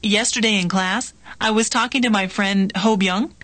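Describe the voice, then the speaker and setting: A woman reading scripted practice dialogues for a language lesson in a clear, measured way. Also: mid-range voice, fairly even intonation, fairly bright tone, dry recording.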